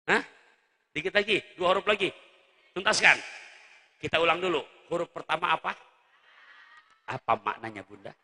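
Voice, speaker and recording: Bright, high-voiced man preaching in a hall. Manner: jokey, addresses mothers in the audience directly, swings between soft and shouted. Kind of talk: religious lecture.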